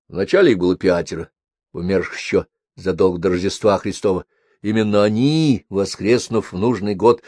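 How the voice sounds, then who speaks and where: A man reading a novel aloud as an audiobook narrator, in a measured, even way. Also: lowish voice, dry recording, clean studio sound. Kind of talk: scripted narration.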